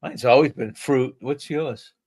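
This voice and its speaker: A man's voice: mid-range voice, a little slow, a little mellow, slightly rough. Easygoing man co-hosting a live chat. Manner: easygoing, with short agreeing replies. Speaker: co-host. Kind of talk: casual live-stream chat.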